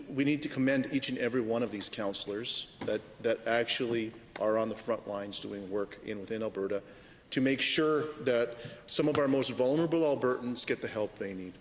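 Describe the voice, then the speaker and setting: A man, a member of the legislature, giving a halting floor speech full of restarts and fillers in the chamber. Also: mid-range voice. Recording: long hall reverb with faint noise.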